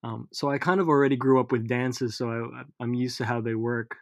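In a laid-back interview conversation, a man in his 30s with a mid-range voice talks slowly and tentatively, leaving many pauses. He is a guest musician whose first language is Tagalog.

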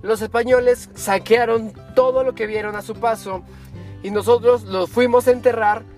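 A man speaks in a notably high voice, coaching the listener through a self-help talk. He talks animatedly, asking himself questions and counting off steps. Soft music plays faintly behind him. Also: fairly even intonation, moderate pace. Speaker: motivational speaker.

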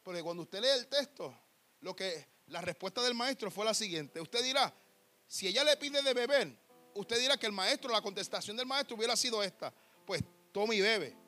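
A male preacher delivering a sermon, emphatic, swinging from soft to shouting and dropping in English words. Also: high voice, expressive, fairly quick, soft background music.

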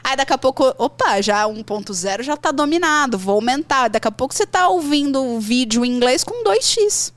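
A woman with a Brazilian Portuguese accent, an English teacher giving lively advice in a podcast conversation and acting out her students' complaints. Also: a little fast, hardly any pauses, no room sound. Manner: animated, acts out learners' complaints in a high voice.

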